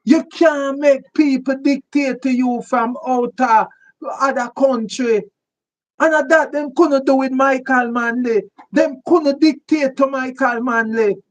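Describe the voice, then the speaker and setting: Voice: high voice, steady tone, unhurried, dull audio. A commentator with a Jamaican accent giving emphatic political commentary in patois, repeating points for stress. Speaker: online commentator.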